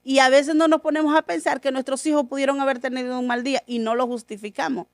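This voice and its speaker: A woman with a high, bright-pitched voice tells a heartfelt faith story in a radio studio. She speaks earnestly and casually, slipping into the voices of her family as she quotes them. The sound is close and dry, with no room echo. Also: steady tone, fast. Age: adult, mother of a school-age son. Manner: earnest, acts out quoted dialogue. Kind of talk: conversational faith testimony.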